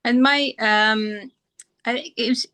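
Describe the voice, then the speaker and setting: This Pakistani doctor, a middle-aged woman, speaks as an interview guest in a high, steady, bright voice with a forceful edge. She takes her time, weighing her answers and frequently restarting or filling pauses.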